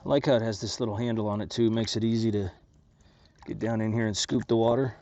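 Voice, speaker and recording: A man casually narrating his camping trip outdoors at a lakeside campsite, talking in a relaxed, rambling way with lots of fillers and restarts. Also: fairly low pitch, fast talker, a little hiss or hum. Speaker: outdoor vlogger.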